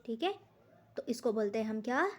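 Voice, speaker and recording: A woman teacher giving an exam-prep grammar lesson. She explains step by step, asks questions and answers them herself, and says her examples slowly and deliberately. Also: on the high side, sing-song.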